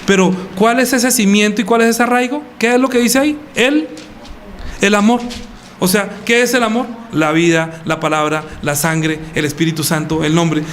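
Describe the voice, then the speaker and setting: A man's voice: sits high, normal speed, a little hiss or hum. A man preaching a sermon as pastor, asking the congregation questions and answering them, calling listeners by name.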